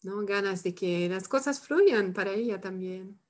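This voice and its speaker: A woman leading a live workshop, who talks calmly and reflectively and tags her phrases with "¿no?". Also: medium pitch, unhurried. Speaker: workshop facilitator. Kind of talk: live online workshop demonstration.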